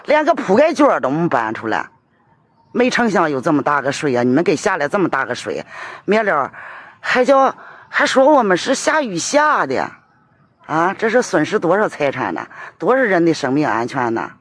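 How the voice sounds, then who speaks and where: Brief: man, indignant complaint, high lively voice, dry close sound. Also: a little fast, dry recording. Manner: indignant, exclaiming. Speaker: flood-hit local. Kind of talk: angry complaint to camera.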